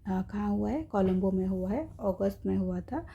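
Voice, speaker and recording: A woman's voice: medium pitch, expressive, moderate pace, vocal fry, breathy edge, lo-fi sound. A woman teaching an exam-prep lesson, explaining step by step in Hindi with English terms and checking in with her viewers.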